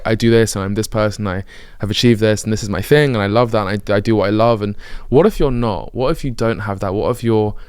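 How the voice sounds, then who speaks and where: A thirty-year-old vlogger with a British accent muses openly to camera, correcting himself as he goes at a quick pace. His smooth, clear voice sits a little low and has a darkish tone. The recording is close and dry, with no echo.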